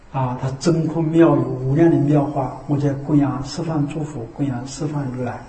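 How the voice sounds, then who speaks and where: A man giving a Buddhist dharma talk as a teacher. He keeps checking in with rhetorical tags and slows into a measured recited cadence for scripture. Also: a little high, warm tone. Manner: repeats the tag "是吧" as a rhetorical check. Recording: echoey room.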